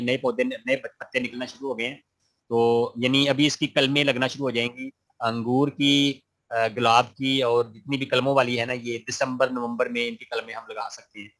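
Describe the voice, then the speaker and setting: In his online gardening class, this man patiently reads and responds to student questions, friendly and encouraging and often using religious phrases. He speaks at a medium pitch with a slightly bright sound.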